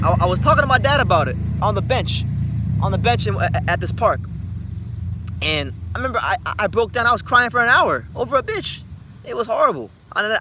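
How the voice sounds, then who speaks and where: Young man in his twenties, quick rambling chat, slightly high pitch, faint outdoor noise behind. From United States. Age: 20s. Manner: animated, rambling, frequent repeated starts. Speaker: YouTube boxing channel host. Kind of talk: late-night livestream chat reading viewer comments.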